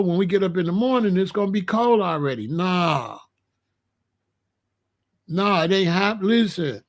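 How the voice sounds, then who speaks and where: A middle-aged or older American man chatting casually to his online viewers, colloquial and emphatic, repeating phrases for stress. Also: high voice. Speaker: online video host. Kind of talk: casual livestream chat warning viewers about weather.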